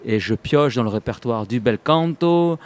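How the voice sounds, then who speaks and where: A man of Sicilian descent raised in France, a stage singer, talking about his show in an animated, laughing, rambling way. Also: mid-range voice, moderate pace. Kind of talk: casual interview.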